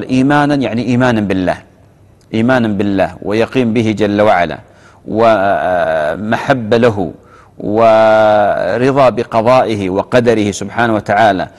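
A man's voice: mid-range voice, big-room sound. A man, a religious scholar on live TV reading out viewers' questions and answering them, often repeating his key phrases. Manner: reads out callers' questions, then answers with gentle repetition. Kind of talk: live TV fatwa Q&A. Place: television studio.

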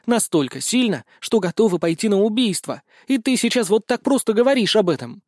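Man voicing a scolding cat goddess, high-pitched. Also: sing-song, a little fast, darkish tone, no echo, studio quality. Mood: indignant. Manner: scolding, indignant, fretful. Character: irritable young female cat goddess spirit. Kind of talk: audiobook character reading.

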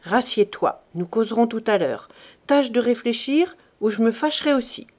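A woman reading a young woman in an audiobook who is firm but kind, gently reproving. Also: fairly high pitch, lively intonation, moderate pace.

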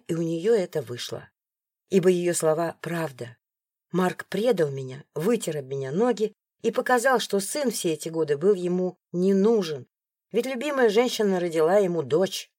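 A woman narrating a novel in the first person, emotional and expressive. Her pitch moves a lot through each line. The sound is close and dry with no room. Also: no room sound. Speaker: audiobook narrator.

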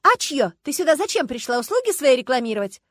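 A woman voicing a haughty, indignant rich lady who speaks shrilly and loudly in an audiobook. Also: on the high side, expressive, fast talker, dry recording, studio quality, pitched above the performer's own voice. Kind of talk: audiobook character voice.

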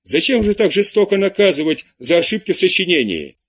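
Man voicing a pleading teen schoolboy in an audiobook, husky, lively pitch. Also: brisk, heavily acted. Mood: persuading. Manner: begging, apologetic. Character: pleading 17-year-old male pupil, timid.

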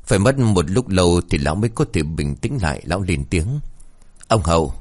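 A man narrating a horror story in a dramatic, expressive reading. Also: low voice, brisk.

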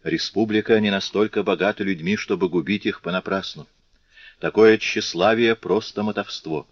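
A man's voice: low voice, moderate pace, breathy edge, no room sound. A man voicing a stern, commanding male revolutionary leader, firm and authoritative, in a dull, lo-fi recording.

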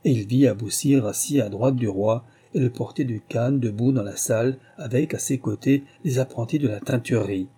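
Dark, husky male storyteller. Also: mid-range voice, normal speed, hardly any pauses. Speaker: audiobook narrator. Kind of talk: storybook narration.

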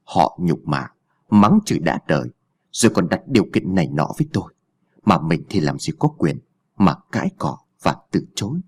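Poor older mother, played by a male narrator: bitter, aggrieved, husky, up-and-down voice. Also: low voice, big pitch swings, moderate pace, darkish tone, voice pushed down, exaggerated voice. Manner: aggrieved complaining.

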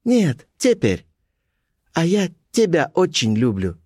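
A man's voice: huge pitch swings, slow pace, darkish tone, husky, no echo, exaggerated voice. A man voicing a mysterious, teasing young woman who talks in short, broken phrases, recorded in a dry space. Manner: high, clipped, broken phrases.

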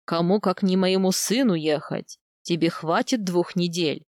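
Woman putting on a low stern old khan, slow and heavy, dry close sound. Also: a little mellow, no echo, close to an everyday voice. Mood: grave, measured. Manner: slow, measured and firm. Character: stern older steppe khan, calm and weighty.

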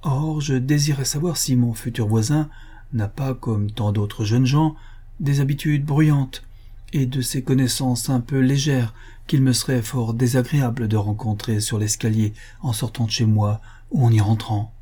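A man reading the part of a reserved young widow, asking careful, polite questions in a measured way. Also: mid-range voice, steady tone, dark tone, husky, close to an everyday voice. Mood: inquisitive.

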